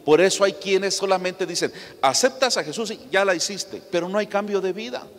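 A man's voice: high voice, fairly quick, a bit bright. A man preaching a sermon, firing rhetorical questions at his congregation. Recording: long reverb of a church hall.

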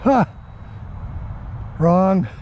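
An older man giving offhand, halting commentary outdoors while flying a model plane on a windy day. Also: sits high, animated, highs cut off. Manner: offhand, halting, self-deprecating. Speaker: RC hobby pilot.

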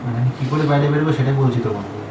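A young man from Bengal talks in quick, casual bursts and turns defensive in a staged couple prank. His voice sounds far from the mic, with room echo. Constant background noise runs underneath. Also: mid-range voice. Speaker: prank channel co-host.

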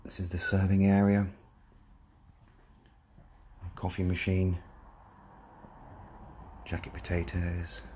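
A very low, deep man's voice with an English accent, listing features in a plain, matter-of-fact way as he walks through empty rooms. His delivery stays almost completely monotone, recorded on a handheld phone with a faint hum of room ambience behind him. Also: slow, pauses often. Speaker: property seller giving a walkthrough. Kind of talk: casual property tour narration. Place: empty rooms of a shop building, indoors. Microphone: handheld phone, walking.

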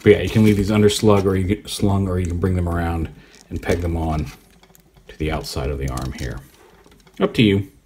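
A man with a deep, low voice walks through a toy review in an easygoing, rambling way. He thinks out loud as he handles the figure, with a faint hiss behind him. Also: brisk. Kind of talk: casual hands-on product review.

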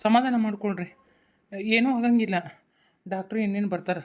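A performer voicing a calm, reassuring village man in a cartoon, with a North Karnataka Kannada accent. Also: mid-range voice, fairly quick, natural voice. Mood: soothing. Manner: soothing, reassuring.

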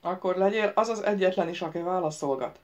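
A woman's voice: lowish voice, natural voice. A woman voicing a proud young prince who answers back defiantly and sarcastically.

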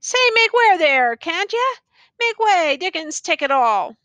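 A cranky wounded army officer shrieks and bellows at his bearers, his voice pushed high and sharp, as a woman reader puts him on. The sound is close and dry, with no room around it. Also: sing-song, unhurried, no room sound, full character voice. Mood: bellowing. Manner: shrill, bellowing complaints. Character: peevish wounded male army officer, carried.

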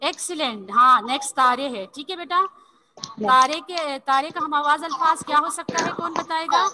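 A woman's voice: high-pitched, noisy background. A woman teaching an online language class, spelling words out letter by letter and patiently coaxing her pupils with constant check-ins. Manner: repeats "theek hai" constantly and spells words letter by letter slowly. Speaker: Urdu teacher. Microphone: video call.

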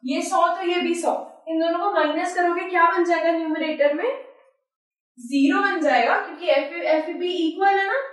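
A woman's voice: very high voice, steady tone, moderate pace. A woman maths teacher, giving a chatty whiteboard lecture and talking to her students informally. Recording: echoey room, voice from far off.

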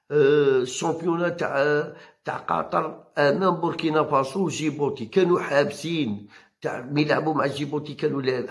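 A man with an Algerian Arabic accent who reads football news and then rants about it, combative and quick to argue back. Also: a little high. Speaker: football commentator. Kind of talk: heated football talk. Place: home channel recording.

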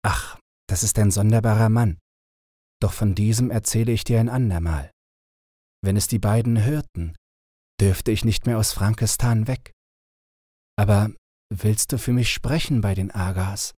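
A man's voice: lowish voice, measured pace, pauses often, warm tone, no echo, clean studio sound. A man voicing a young male captive prince who pleads earnestly for help, in an audiobook reading. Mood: earnest pleading.

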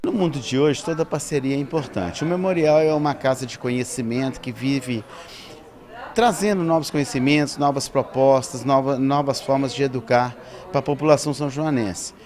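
A man's voice: medium pitch, brisk, darkish tone. A middle-aged man interviewed indoors on a handheld mic, speaking emphatically. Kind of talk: on-camera interview. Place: indoor event hall. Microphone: handheld reporter mic.

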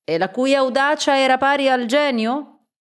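A woman's voice: high voice, moderate pace, smooth, pitched above the performer's own voice, natural voice. A woman reading as a courteous learned professor. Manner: polite, explanatory.

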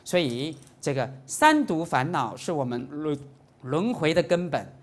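A woman Buddhist teacher giving a lively Dharma lecture, often dropping into a soft chant to demonstrate. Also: low-pitched, unhurried. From Singapore. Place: lecture hall.

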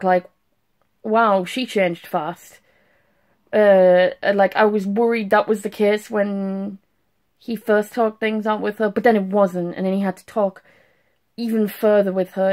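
A young woman speaks at an ordinary pitch, fresh from a cry. She gushes in a casual review style, restarting and trailing off as she goes. She records on a phone at arm's length in a small bedroom. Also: darkish tone. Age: young adult. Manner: emotional gushing with restarts and trailing thoughts. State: has just been crying. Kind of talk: casual video review to camera. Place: small bedroom at home, indoors.

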